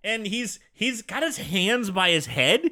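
A man's voice: high voice, a little slow. A man co-hosting a podcast, giving blunt, salty, casual comic commentary on a movie. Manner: animated, blunt, salty, uses sound words. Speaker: podcast co-host.

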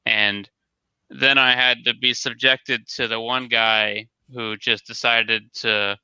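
A man's voice: mid-range voice, little pitch movement, slow, pushed and bright, clean tone, dry recording, lo-fi sound. A man co-hosting an online talk show, chatting casually as a store owner, rambling and repeating his words. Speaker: podcast co-host, toy brick store owner. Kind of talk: casual chat.

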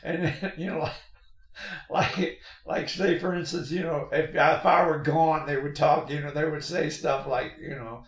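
Recording in a machine shop with a spacious, echoing sound, a middle-aged male podcaster talks at an unhurried pace in a fairly high, fairly even voice. He wanders through anecdotes casually, often restarting and laughing.

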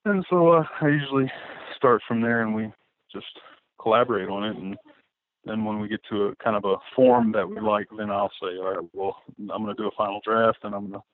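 A man with a fairly low, steady voice speaks briskly as a guest artist in casual interview talk, rambling with plenty of fillers and restarts. No echo is present, but the line is tinny and phone-like.

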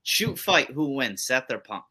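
Man, podcast co-host, animated rambling chat, swings his pitch a lot, bright tone. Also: a little slow, slight background noise. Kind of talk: casual wrestling podcast chat.

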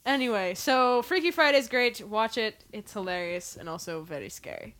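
A woman's voice: fairly high pitch, lively intonation, normal speed, a bit bright. A woman co-hosting a podcast in casual chat, joking and giggling as she talks. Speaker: podcast co-host.

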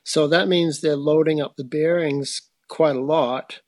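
A man's voice: fairly high pitch, fairly even intonation, a little slow, a little mellow, dry recording. A middle-aged man, a frame-building teacher, explaining his work thoughtfully in a conversational interview, with hesitant restarts.

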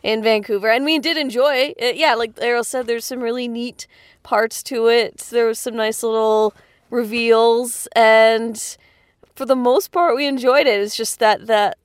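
Woman kinda high voice, chatty and giggly, vlogging in a car with friends. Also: fairly even intonation, measured pace, dry recording, studio quality. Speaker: vlog co-host. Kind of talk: casual chat.

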